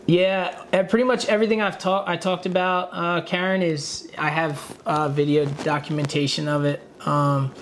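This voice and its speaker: A man's voice: on the high side, flat delivery, moderate pace, few pauses, a little hiss or hum. Laid-back man talking on a video call. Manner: laid-back, grateful, many fillers. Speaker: guest speaker. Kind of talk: casual talk on a video call.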